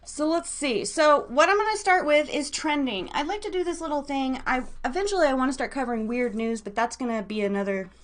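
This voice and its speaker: Bubbly and talkative, this American radio host runs a casual live show, coining playful words as she goes. Her high-pitched voice moves briskly, with barely any pauses.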